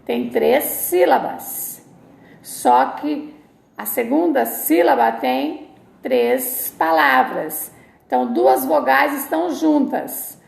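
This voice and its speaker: Slow, gravelly-voiced woman teaching. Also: high voice, animated. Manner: slow, deliberate syllable-by-syllable explanation. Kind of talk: recorded video lesson for children. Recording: echoey room sound.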